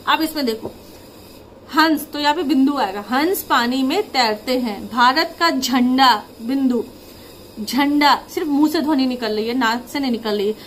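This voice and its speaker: A woman with a fairly high voice explains a worksheet in a patient teaching style, drawing out each example word slowly. A faint background hiss sits under her close-miked voice. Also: fairly bright tone, low-quality recording. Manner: slow, drawn-out reading of example words. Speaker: teacher presenting a worksheet lesson. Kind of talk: explaining a lesson to teachers and parents.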